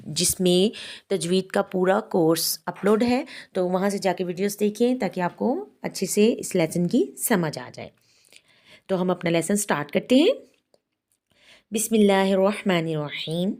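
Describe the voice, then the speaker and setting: A woman teaching Quran recitation rules in a patient, methodical way. She explains step by step and slowly models each pronunciation. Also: fairly low pitch, a little mellow.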